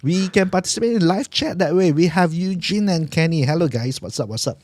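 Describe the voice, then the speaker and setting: A man's voice: on the high side, expressive, fairly quick, darkish tone, no echo, clean studio sound. A Malaysian man hosting a podcast, chatting casually in Malaysian English slang with particles like lah and meh. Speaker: podcast host. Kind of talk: casual chat.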